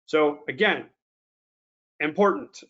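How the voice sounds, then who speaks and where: A man presenting a software tutorial webinar, talking casually with many fillers and slowing down to stress warnings. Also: on the high side. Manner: casual, lots of ums and restarts, slows down to stress warnings. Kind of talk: screen-share software tutorial. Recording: dull lo-fi webinar audio.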